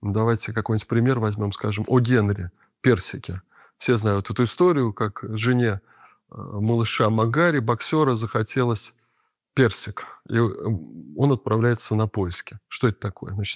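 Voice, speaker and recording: A man's voice: fairly low pitch, no room sound. Thoughtful male lecturer, dry close sound. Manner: thoughtful, explanatory, frequent filler pauses. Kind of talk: unscripted lecture.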